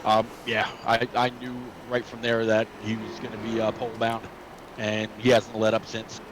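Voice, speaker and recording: Halting male co-commentator over noisy background. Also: fairly low pitch, completely flat delivery. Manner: rambling, halting, many "uh"s and restarts. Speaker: sim racing co-commentator. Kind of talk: casual color commentary. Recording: noticeable background noise.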